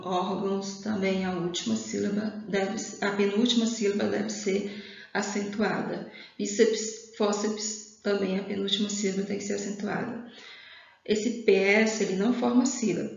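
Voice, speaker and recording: A woman's voice: mid-range voice, vocal fry, darkish tone. A woman teacher walks through a grammar lesson, repeating and correcting herself and checking in with her students. Her voice rings in a very echoey room, and the recording sounds dull and lo-fi.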